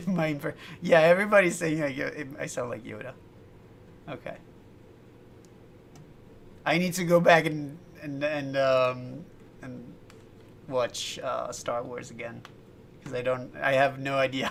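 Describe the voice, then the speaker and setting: A man's voice: mid-range voice, unhurried, vocal fry, long pauses, a bit bright, a little hiss or hum. A man chatting casually on a livestream while making music, laughing often and restarting his sentences. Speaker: streamer and musician.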